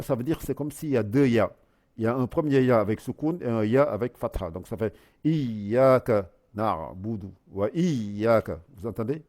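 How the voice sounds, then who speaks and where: A man teaching how to recite the Quran, explaining the rules and then drawing out the sounds slowly, syllable by syllable, as he repeats them. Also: medium pitch, warm tone.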